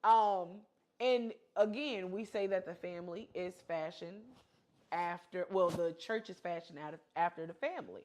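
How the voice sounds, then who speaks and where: A woman co-hosting a marriage podcast in relaxed, casual talk. Her voice sits low for a woman. She speaks plainly and draws on scripture as she goes. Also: normal speed, slight background noise. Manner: chatty and plain-spoken, laughs at herself. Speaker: podcast co-host.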